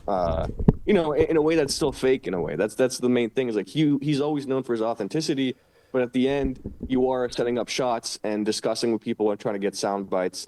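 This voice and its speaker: A man's voice: medium pitch, a little mellow. Rambling, earnest man on a podcast. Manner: rambling, earnest, stumbles over his words. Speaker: podcast co-host. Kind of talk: casual podcast chat.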